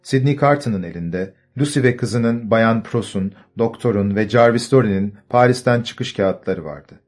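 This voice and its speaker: A man narrating an audiobook in a measured storytelling manner. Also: fairly low pitch, darkish tone. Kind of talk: scripted narration. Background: faint music.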